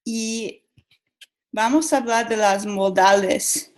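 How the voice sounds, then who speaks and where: A young woman giving a school presentation, halting often and repeating words as she searches for them. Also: on the high side, rough recording. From Mexico. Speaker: student giving a class presentation.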